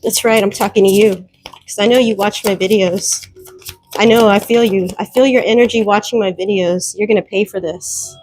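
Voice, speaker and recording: A woman's voice: medium pitch, fairly even intonation, moderate pace, a little mellow, faint music behind. A woman giving a solo tarot reading, speaking emphatically, repeating her warnings and addressing viewers directly. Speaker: tarot reader.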